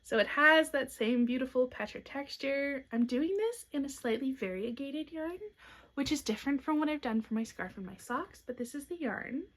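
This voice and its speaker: Showing her knitting designs on her podcast, a young woman talks at a normal speed in a high-pitched, expressive voice. The show-and-tell is casual, chatty, and upbeat, with gentle asides and a case of the hiccups.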